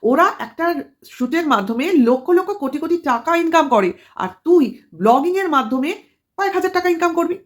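High-voiced scolding woman vlogger. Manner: scolding and mocking, addresses rival as tui; rhetorical questions, emphatic. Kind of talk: commentary vlog.

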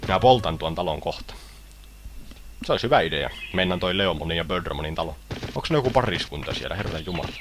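A man's voice: deep voice, lively intonation. A Finnish man playing a video game and commenting playfully, often voicing the creatures in a silly way. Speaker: let's player. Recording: loud game music behind.

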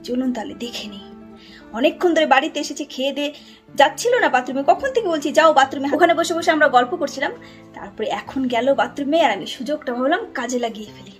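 A woman vlogger chatting casually to her viewers from her family home, lively and direct. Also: high-pitched, a little fast, faint music behind. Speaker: vlogger and mother.

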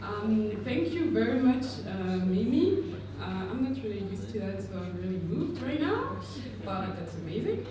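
A woman's voice: mid-range voice, sing-song, normal speed, few pauses, noisy background. Hesitant woman speaker in an echoey hall. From France. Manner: hesitant, many fillers. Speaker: guest speaker. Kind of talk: conference speech. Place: large conference room at a lectern. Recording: echoey hall, captured from far.

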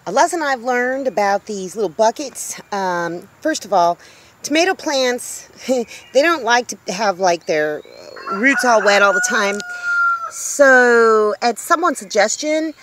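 A woman's voice: fairly high pitch, lively intonation, slow, a bit bright, slight background noise. A woman in her fifties talking casually to a handheld camera about her garden, upbeat and chatty. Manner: chatty, upbeat, exclaims at small discoveries. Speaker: homesteading vlogger. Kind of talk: casual outdoor vlog. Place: outdoors in a rural yard by a tiny house.

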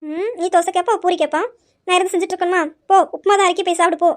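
A woman playing a bossy, sharp-tongued mother who scolds her daughters in a comic family skit. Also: extremely high pitch, steady tone. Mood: scolding. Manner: bossy, scolding, quick retorts.

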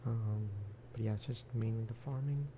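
Here the gaming creator's ASMR commentary comes through dull audio, with clear background noise underneath. Soft and hushed, occasionally breathing into a whisper, he thinks out loud slowly and quietly in a steady tone.

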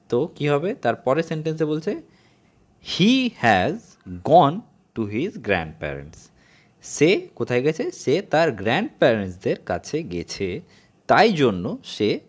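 A man teaching a grammar lesson, keeps checking in with a rising question and reads English examples out slowly. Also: medium pitch, slightly rough. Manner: keeps asking "ঠিক আছে?" in a rising tone.

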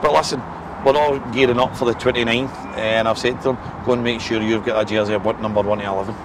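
Speaking fast in a steady, lowish voice, a Scottish manager in his forties gives a post-match interview outdoors next to a football pitch. He is frank and repetitive, full of "eh" and "listen," as traffic passes amid the outdoor noise.

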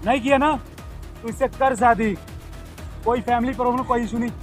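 A young man plays a stern bystander who takes charge of a street quarrel. He barks short commands again and again in a very high voice, with faint music underneath. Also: steady tone, a little fast. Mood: interrogating. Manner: commanding, repeats curt orders. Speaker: actor in a staged vlog skit. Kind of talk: staged street drama.

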